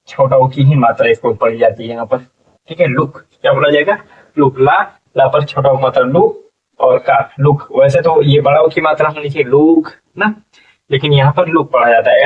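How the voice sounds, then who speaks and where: Husky male teacher spelling words aloud slowly. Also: mid-range voice. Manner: spells words slowly, repeating and asking "what will it be?". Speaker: English teacher. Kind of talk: spoken phonics lesson. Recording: distant, dull lo-fi classroom recording.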